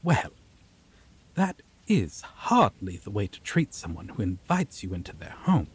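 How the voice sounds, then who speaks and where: Against steady rain and thunder, a man with a fairly low voice plays an ancient, possessive vampire in an ASMR roleplay. Heavily acted, he is theatrically courteous yet menacing, even playful, drawing out breathy phrases that drift into whispers.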